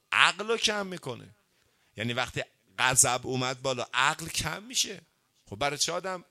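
A man giving a sermon, lively and conversational, asking his listeners questions and reciting Arabic sayings slowly before he explains them. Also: medium pitch, vocal fry. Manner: lively, questions the audience and urges answers. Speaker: cleric giving a religious talk.

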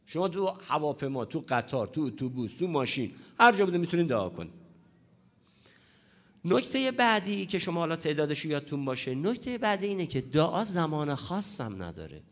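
Guy giving a sermon, voice kinda hoarse from a cold, pitch jumps all over, hammers his points home. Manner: lively, emphatic, repeats key points. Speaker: preacher. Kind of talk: religious lecture on prayer.

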